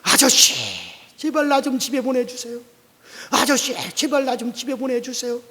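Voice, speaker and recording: A man voicing a shrill crippled beggar. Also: level tone, normal speed. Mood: pleading. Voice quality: loud, high strained cries. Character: crippled beggar man, complaining then pleading. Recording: long church reverb.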